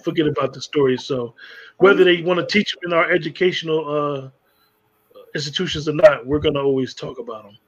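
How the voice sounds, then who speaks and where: A man's voice: on the high side, a little fast, a bit bright, slightly rough, muffled recording. A man in casual conversation, speaking emphatically and repeating words as he builds his point. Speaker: podcast co-host.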